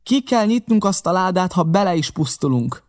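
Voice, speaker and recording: A man reading an audiobook and voicing a bold, defiant middle-aged mother with a raised pitch and forceful delivery. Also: sing-song. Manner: fierce and scornful, then urgently hushed. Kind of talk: audiobook character voice.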